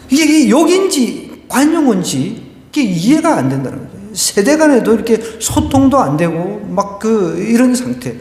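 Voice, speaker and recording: A man's voice: sits high, darkish tone. A male pastor giving a conversational sermon, asking the congregation questions and telling a humorous story. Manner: conversational preaching with rhetorical questions and a told joke. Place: church sanctuary. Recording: echoey church hall.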